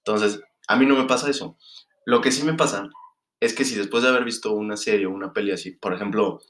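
Chill mexican guy, kinda low voice, cohosting and explaining stuff. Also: fast, fairly bright tone, echoey room. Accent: Mexican Spanish. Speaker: podcast co-host. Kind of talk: casual chat.

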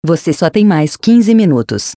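Mocking cruel spirit in a storybook, read by a Brazilian narrator, dark mellow voice. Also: medium pitch, very animated, a little slow, no room sound, studio quality. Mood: taunting. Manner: sarcastic, taunting.

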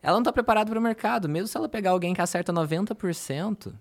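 A man from Brazil hosting a casual podcast conversation, talking quickly and emphatically and agreeing often. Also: high voice, creaky. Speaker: podcast host.

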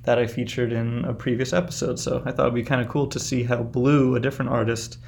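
A man's voice: mid-range voice, little pitch movement, quick pace, vocal fry, a little mellow. A man hosting a music show, talking informally and chattily between songs.

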